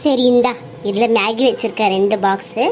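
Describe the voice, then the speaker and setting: A woman voicing a kindly older female employer who gives gentle, motherly advice. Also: a little high, steady tone, moderate pace, slight background noise, voice pushed down, lightly acted. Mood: caring.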